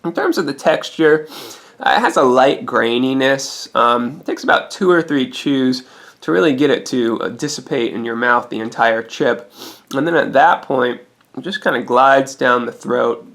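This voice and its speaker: A man's voice: medium pitch, normal speed, vocal fry, fairly bright tone. A man giving a casual product review as a food reviewer, in a rambling, hesitant, minutely detailed way.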